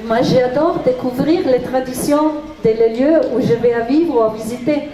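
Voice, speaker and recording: A woman's voice: high voice, moderate pace. A woman from Italy with an Italian accent and foreign-sounding, imperfect French, explaining a recipe in a live cooking demonstration. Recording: echoey room with crowd noise.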